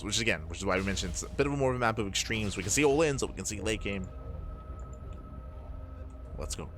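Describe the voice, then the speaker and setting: A man provides live commentary on a StarCraft esports match, explaining the action analytically and often repeating phrases for emphasis. His voice is fairly low and a bit bright, with background music and slight background noise.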